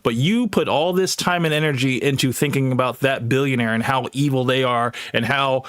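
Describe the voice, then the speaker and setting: Blunt male debater, mid-pitched, dry close sound. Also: steady tone, fairly quick, a bit bright, smooth, no room sound. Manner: blunt, opinionated, repeats himself. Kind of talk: live online debate.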